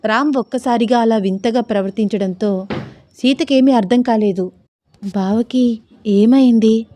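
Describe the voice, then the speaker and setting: A woman's voice: fairly high pitch, moderate pace, warm tone. Woman narrating a romance story.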